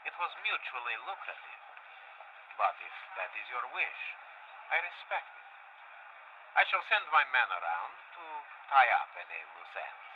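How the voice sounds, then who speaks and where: A man's voice: mid-range voice, big pitch swings. An actor playing a menacing Russian businessman, speaking formally with a Russian accent through an answering machine in a video game. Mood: quietly menacing. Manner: formal, measured, veiled menace. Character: Medovsky, menacing Russian businessman leaving a voicemail. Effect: answering machine filter. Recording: muffled phone message, noisy airport behind.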